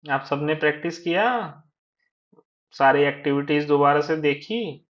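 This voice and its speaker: Man teaching small children, slow and patient, drags out each word to repeat; dull lo-fi audio. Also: a little high, little pitch movement, a bit bright. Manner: slow drawn-out repetition of words for children. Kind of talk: children's lesson. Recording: dull lo-fi sound.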